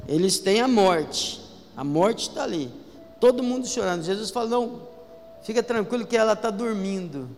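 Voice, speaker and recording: A man's voice: high voice, lively intonation, normal speed, darkish tone, slight background noise. A man with a Brazilian Portuguese accent preaching a sermon as pastor, emphatic and calling out to the congregation. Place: church hall. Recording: echoey hall with faint music.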